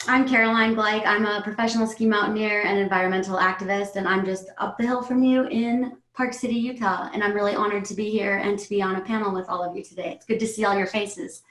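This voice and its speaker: A woman's voice: mid-range voice, fairly even intonation, quick pace, hardly any pauses, fairly bright tone. A woman introducing herself as a panel guest on a video call, friendly and polite. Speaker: panel guest, ski mountaineer. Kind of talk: casual video-call chat. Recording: echoey room on call.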